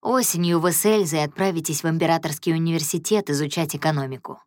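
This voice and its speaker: A woman reads a novel aloud in a slightly low voice. She switches into the characters by lifting her pitch and pushing louder. The sound is close and dry, with no room around it. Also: quick pace, no room sound. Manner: lively, voices characters by raising pitch and volume. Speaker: audiobook narrator. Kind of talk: audiobook reading with character voices.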